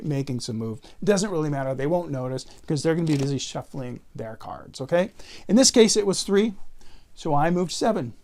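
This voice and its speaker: A man's voice: medium pitch, a little mellow. A man talking in casual card magician patter, explaining and counting aloud step by step like a tutorial presenter.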